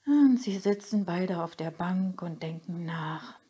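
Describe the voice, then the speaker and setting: A woman reads a children's story aloud in a gentle, unhurried way. Her voice is low and breathy, and she takes her time with every sentence. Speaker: narrator. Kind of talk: storybook reading.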